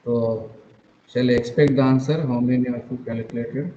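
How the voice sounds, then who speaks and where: A man lecturing an online engineering class, captured as a screen recording, talking haltingly with repeated phrases and "uh" fillers. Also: medium pitch, fairly even intonation, warm tone. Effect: screen-recorded online class audio. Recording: dull lo-fi roomy sound with faint noise.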